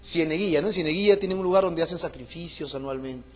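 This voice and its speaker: A man preaching a Bible study sermon with a Peruvian Spanish accent, asking rhetorical questions and swinging between loud and hushed delivery. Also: fairly high pitch, fast talker. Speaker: pastor. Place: church hall. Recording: echoey church hall.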